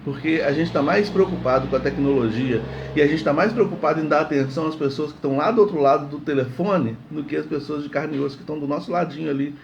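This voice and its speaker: A man gives a morning sermon, chatty and relaxed, often repeating himself and checking that listeners follow. His voice sits a little high for a man. A faint hiss runs underneath. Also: fast talker, gravelly, few pauses, dull audio. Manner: conversational, repeats words, asks "entende?". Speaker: preacher.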